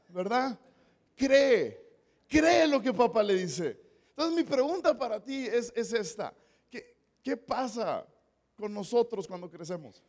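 A man with a northern Mexican accent preaching a storytelling sermon in an animated, humorous way, often tagging his lines with rhetorical questions. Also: extremely high pitch. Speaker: pastor.

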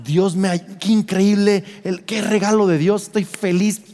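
A middle-aged man with a Mexican accent, a pastor preaching a sermon and telling a personal story in an animated way, acting out scenes and questioning his listeners. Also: sits high, measured pace, long reverb tail.

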